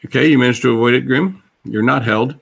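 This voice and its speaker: A man's voice: mid-range voice, fast, vocal fry. A man running a tabletop fantasy game as game master, casual and playful with chuckling asides.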